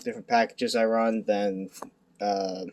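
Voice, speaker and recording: Hushed, halting young man, lowish voice. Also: level tone. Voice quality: hushed, quiet night-time voice. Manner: halting, self-deprecating, stumbling over words. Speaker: amateur video creator presenting a card deck. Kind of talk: casual unscripted card game deck profile. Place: at home at night.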